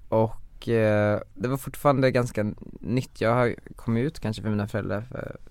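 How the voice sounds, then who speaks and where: A man's voice: lowish voice, steady tone, dry recording. A young man, a guest and author, telling a personal story in casual conversation with many fillers.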